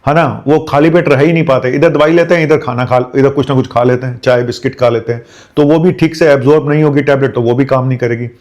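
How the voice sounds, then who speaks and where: A middle-aged male doctor with a medium-pitched, somewhat dark voice offers health advice in a video. He speaks emphatically and directly to viewers, almost pleading with them.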